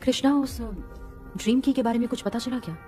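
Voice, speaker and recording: An actress dubbing a direct, determined young woman exorcist who talks in a brisk, practical way. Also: fairly high pitch, dark tone, soft background music, lightly acted. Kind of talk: Hindi film dubbing.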